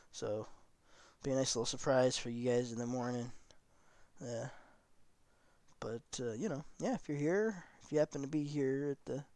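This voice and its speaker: Young man, casual game-stream commentary, rambling, middle pitch, dry close sound. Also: normal speed, a little mellow, no echo. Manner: laid-back, rambling, talks to viewers as "guys". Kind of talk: casual live-stream commentary while driving a truck simulator.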